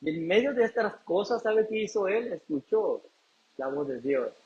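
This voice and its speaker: A man with a high voice delivers a sermon from the pulpit. He keeps asking the congregation questions and answering them himself. The recording sounds dull and muffled. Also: sing-song, normal speed, a little mellow. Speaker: pastor.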